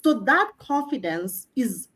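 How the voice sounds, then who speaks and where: Slightly high-voiced woman, confident and animated, guest on an interview. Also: takes it slowly. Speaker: tech industry guest. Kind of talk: interview conversation.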